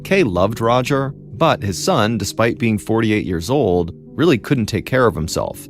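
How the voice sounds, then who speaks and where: A man hosting a podcast, telling a true crime story in a measured, dramatic way with pauses. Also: low voice. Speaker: podcast host and narrator.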